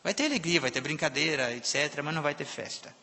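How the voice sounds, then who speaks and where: A man preaching a sermon in a church, emphatic, swinging between loud and soft passages. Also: fairly high pitch, animated, quick pace, vocal fry. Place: church sanctuary. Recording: long reverb of a church hall.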